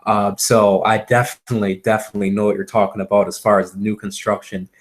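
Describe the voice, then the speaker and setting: A man from Wisconsin with a Midwestern accent, talking through a sales pitch in a halting, agreeable way, repeating words as he goes. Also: little pitch movement. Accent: American Upper Midwest. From Wisconsin, United States. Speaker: real estate seller pitching to a homeowner. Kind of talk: conversational phone sales call.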